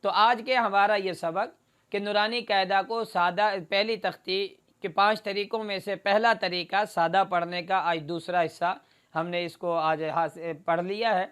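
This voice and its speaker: A woman's voice: medium pitch, fairly even intonation, fairly bright tone, smooth. A woman teaching a Quran recitation lesson, explaining each letter steadily and demonstrating the sounds by drawing them out and repeating them.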